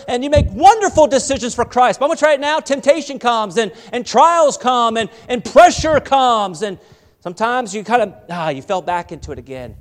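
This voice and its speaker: A man preaches in a high voice, rising to loud peaks and dropping to quiet asides. He restarts phrases often as he talks to his congregation. The sound rings with the long reverb of a church sanctuary. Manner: animated preaching, voice swells and drops with many restarts. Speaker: pastor. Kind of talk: sermon.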